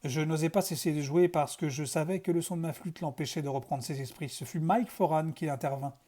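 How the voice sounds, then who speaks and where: A man narrating a children's novel aloud in steady first-person storytelling. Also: fairly high pitch, a little fast.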